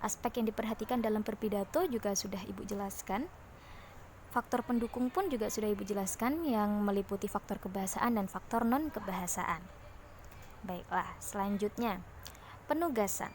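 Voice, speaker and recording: A woman's voice: medium pitch, normal speed, darkish tone, slight background noise. A woman teacher giving a lesson to her students, explaining step by step and closing each point with a short tag phrase. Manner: explains step by step, ends points with "seperti itu".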